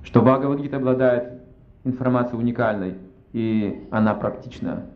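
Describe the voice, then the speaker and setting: A man's voice: medium pitch, fairly even intonation, moderate pace. Man giving a roomy, dull-sounding spiritual lecture. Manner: reasoning aloud with rhetorical questions. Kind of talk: religious lecture. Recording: roomy, slightly dull recording.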